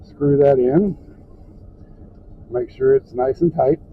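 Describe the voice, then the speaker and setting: A man with a voice on the high side takes it slowly, giving an informal, step-by-step tutorial from inside a truck cab. He's a plain-spoken truck driver and trainer with folksy phrasing, and the audio is tinny and phone-like with background noise.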